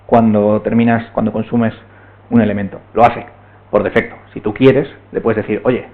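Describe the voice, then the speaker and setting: A man's voice: lowish voice, gravelly. A man giving a technical talk at a meetup, explaining step by step and often checking in with the room. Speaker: meetup speaker. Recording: tinny, phone-like recording.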